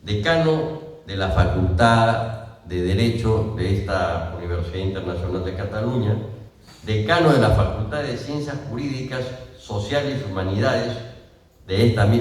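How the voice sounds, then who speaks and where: An older man from Peru with a Peruvian Spanish accent, giving a formal laudatory speech at a ceremony in a measured way and correcting himself now and then. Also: on the low side, lively intonation. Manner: measured, with self-corrections and asides. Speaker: ceremony speaker. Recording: distant mic in a reverberant hall.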